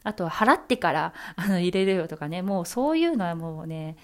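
A woman's voice: on the low side, lively intonation, brisk. A woman who works as an announcer, hosting her own solo talk episode in a chatty, playful way full of fillers and asides. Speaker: announcer and podcast host.

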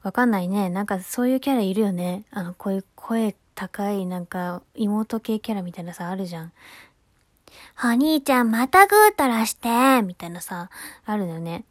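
A woman's voice: medium pitch, fairly even intonation, fairly quick, darkish tone, no room sound, studio quality. A young woman hosting her own podcast, chatting casually, rambling, laughing often and poking fun at herself. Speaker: podcast host. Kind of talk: casual solo chat.

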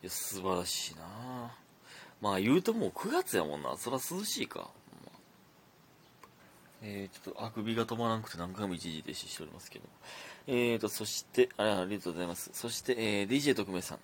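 A man's voice: on the low side, big pitch swings, brisk, a little hiss or hum. A young man with a Kansai accent hosting a casual solo podcast, chatting and reading listener messages aloud. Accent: Kansai Japanese. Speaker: podcast host.

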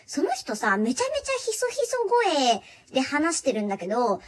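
A young woman telling a funny story from her job in a chatty, animated way, laughing often. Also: fairly high pitch, a little fast, husky. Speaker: live chat performer telling a work story. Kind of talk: casual solo talk radio storytelling.

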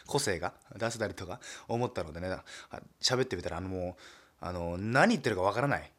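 A male comedian from Nagasaki chats on his own in a relaxed, self-mocking way. His voice sits low yet swings widely in pitch, with frequent fillers and easy chuckles. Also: brisk. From Nagasaki, Japan. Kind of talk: casual solo talk monologue.

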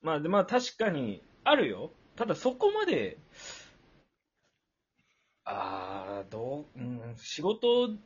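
A man's voice: on the high side, huge pitch swings, takes it slowly, long pauses, slightly rough, muffled recording. A young man co-hosting a casual podcast, rambling easily and acting out his own reactions. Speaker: podcast co-host. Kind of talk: casual chat.

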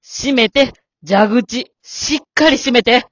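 A woman's voice: fairly high pitch, takes it slowly, a bit bright, dry recording. A woman voicing a stern, composed elderly wife in an amateur radio drama, polite and cool with a scolding edge. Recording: dull dry lo-fi recording.

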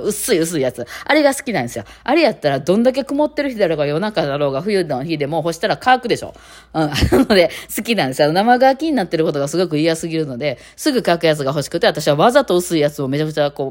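Kansai-accented woman host, rapid chatty delivery with fillers, lively pitch swings. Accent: Kansai, Kitakawachi dialect. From Kitakawachi area of Osaka, Japan. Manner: rapid rambling talk full of fillers. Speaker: podcast host. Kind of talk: casual solo chat.

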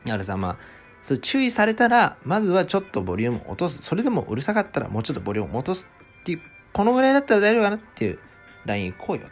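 A former restaurant part-timer hosts a casual solo talk show, ranting in exasperation and acting out customers' lines. His voice sits on the high side, swings hugely in pitch and moves very fast, with soft music playing behind him.

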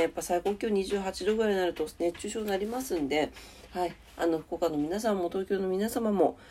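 A woman with a lowish, darkish voice that is nasal and stuffed-up chats politely as solo host of a casual morning radio-style show. She talks through the weather and daily notes.

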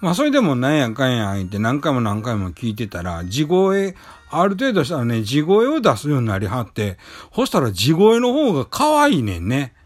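Rambling Kansai man, lively pitch. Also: moderate pace. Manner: rambling, many fillers and restarts. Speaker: podcast host. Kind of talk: casual solo talk. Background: faint background music.

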